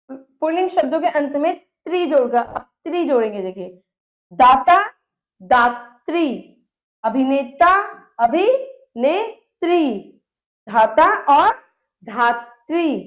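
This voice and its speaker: Slow, patient woman teaching grammar. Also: sits high, muffled recording. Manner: slow, patient, repeating word pairs and checking understanding. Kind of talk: classroom grammar lesson.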